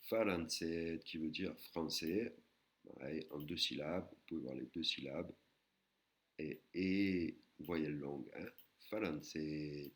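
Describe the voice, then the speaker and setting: A man teaching a recorded language lesson, patiently explaining and sounding out words slowly, syllable by syllable. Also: rumbling low. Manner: slow, careful, syllable-by-syllable pronunciation of Thai words.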